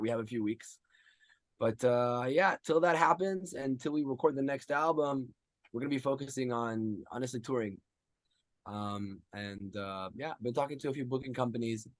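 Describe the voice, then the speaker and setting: A man's voice: mid-range voice, no echo. A man in his thirties from Israel, a guest musician answering interview questions in a rambling casual way with many ums.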